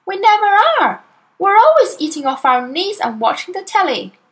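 A woman's voice: very high-pitched, big pitch swings, moderate pace, voice pushed up. A woman voicing a clever, outspoken young girl who speaks earnestly. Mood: indignant. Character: sharp-minded indignant young girl.

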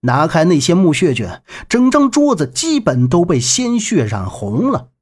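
A man narrating a serialized novel in an expressive, dramatic manner with a husky voice. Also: fairly high pitch, a little slow. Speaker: audiobook narrator.

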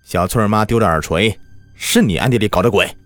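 A man's voice: lowish voice, brisk, no echo, soft background music, lightly acted. A man voicing a hot-tempered younger brother who scolds sternly. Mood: angry.

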